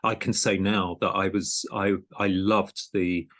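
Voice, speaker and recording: Hesitant low-voiced man hosting a podcast. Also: level tone, unhurried, a bit bright. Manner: hesitant, many ums and restarts. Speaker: podcast host and programme director. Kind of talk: conversational interview.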